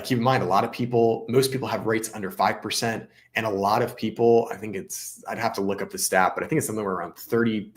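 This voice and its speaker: A man who works as a realtor, hosting a casual live stream. He talks in a chatty way, often restarting his sentences and adding sarcastic asides. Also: lowish voice.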